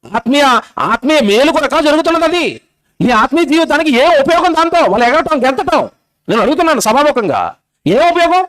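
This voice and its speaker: Speaking fast in an extremely high-pitched, fairly bright voice, a male preacher gives an animated, fervent sermon. He presses his gathering with urgent exhortation and scolding rhetorical questions.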